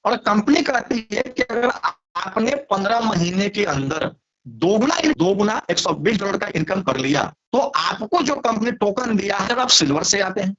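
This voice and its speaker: Brief: high-pitched male presenter walking through a business plan, lo-fi recording. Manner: steady explaining, repeats and restarts words, addresses "friends". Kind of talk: explanatory presentation. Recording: dull lo-fi recording.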